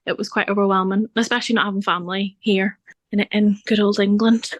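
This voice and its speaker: A woman's voice: medium pitch, little pitch movement, a little fast, dry recording. A woman from Ireland, a podcast guest talking openly in a casual chat and laughing often. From Northern Ireland. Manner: chatty and open, laughs often.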